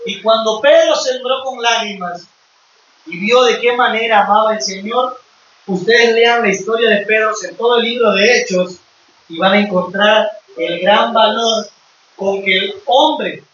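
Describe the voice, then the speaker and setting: High-voiced preacher in an echoey hall. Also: male voice, unhurried, fairly bright tone, a little hiss or hum. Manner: emphatic preaching that retells scripture, often calling out to the brethren. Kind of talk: sermon to a congregation. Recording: echoey hall, distant dull mic.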